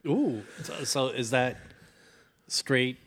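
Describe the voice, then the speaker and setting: A man's voice: medium pitch, very slow, fairly bright tone. Man, Québécois French accent, native French speaker, radio co-host, brief playful interjections. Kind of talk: casual on-air chat.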